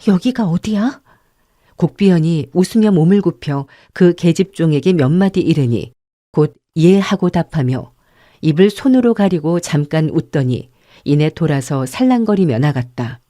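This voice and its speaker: A woman narrating an audiobook in a calm, measured storytelling manner. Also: low-pitched, dry recording, studio quality. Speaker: audiobook narrator and channel host.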